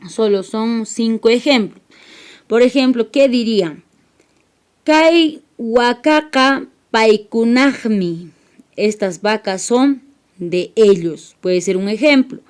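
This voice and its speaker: Woman, teacher, slow careful delivery, smooth clear tone. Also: fairly high pitch, warm tone. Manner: slow, patient, repeats answers with rhetorical questions. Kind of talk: recorded classroom lesson.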